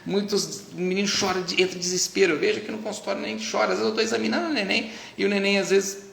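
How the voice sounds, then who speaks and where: A man's voice: sits high, steady tone, fast talker, creaky, fairly bright tone. A man with a Brazilian Portuguese accent, a pediatrician giving casual advice to parents in a chatty way, with many tag questions and restarts. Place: doctor's office. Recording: echoey room.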